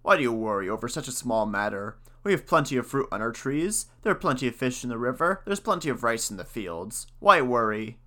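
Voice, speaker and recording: A calm, consoling old husband, steady and unbothered, as a man reads him aloud. He speaks in a plain, even tone close to the reader's own. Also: mid-range voice, fairly quick, hardly any pauses. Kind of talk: storybook reading.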